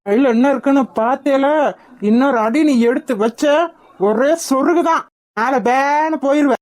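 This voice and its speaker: A woman's voice: high-pitched, moderate pace, a little mellow, no room sound, natural voice. A woman voicing a pushy, threatening young rowdy man in a cartoon. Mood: menacing. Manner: menacing, bullying.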